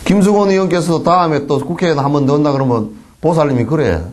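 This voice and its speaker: A man with a Gyeongsang Korean accent, a Buddhist monk giving a folksy dharma lecture in a temple hall, full of rhetorical questions and mimicked flattery. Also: on the high side, fast.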